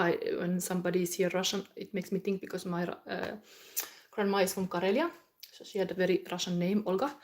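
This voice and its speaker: Speaking non-native English with a Finnish accent, a medium-pitched woman from Finland gives viewers a casual psychic tarot reading. She rambles and searches for words as she goes.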